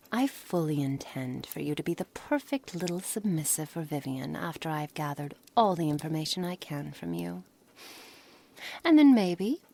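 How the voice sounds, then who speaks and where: A woman voices a scholarly witch in an ASMR roleplay monologue, coldly menacing as she speaks softly in formal, measured words. Her pitch is fairly low, with breathy, hushed passages.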